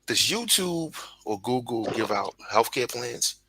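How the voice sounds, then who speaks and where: Gravelly, blunt Brooklyn man. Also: mid-range voice, sing-song, measured pace, pushed and bright, soft background music, poor audio. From Brooklyn, New York. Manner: blunt, profane, emphatic. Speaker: guest. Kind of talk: casual livestream chat. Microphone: video call.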